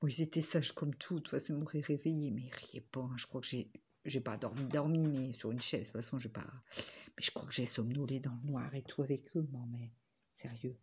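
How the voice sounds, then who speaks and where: Woman, husky voice, casual crafting vlog chat, rambling, phone on a tripod at home. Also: a bass voice, fairly even intonation, fairly quick, darkish tone. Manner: rambling, chatty, jumping between topics. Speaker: vlogger.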